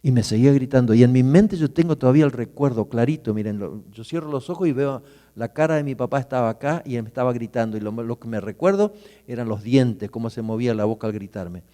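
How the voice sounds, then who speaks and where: A middle-aged man, preaching as a pastor and telling a personal story vividly, his voice going from loud to hushed. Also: medium pitch, quick pace. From Argentina. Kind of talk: sermon storytelling. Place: church hall. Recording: church hall with long reverb.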